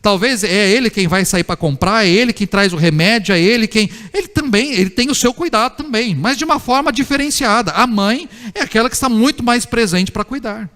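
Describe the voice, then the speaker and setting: A man's voice: high-pitched, a little fast, few pauses, fairly bright tone. A middle-aged male pastor preaching conversationally, with many rhetorical questions and small scenes he acts out himself. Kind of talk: sermon. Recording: church hall with long reverb.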